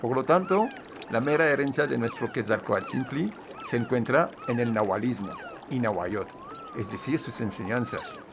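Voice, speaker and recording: In a noisy setting, a man with a mid-range voice whose pitch swoops wildly speaks at a moderate pace. He gives a hesitant, filler-heavy informal lecture on Nahua history for video, partly reading aloud and noting that his Spanish is a little crooked.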